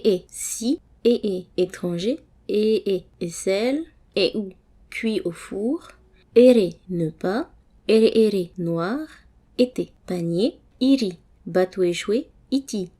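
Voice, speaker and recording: Slow, mellow-voiced woman reading words. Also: medium pitch. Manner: slow, careful word-by-word reading. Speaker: language teacher. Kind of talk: reading a vocabulary list aloud.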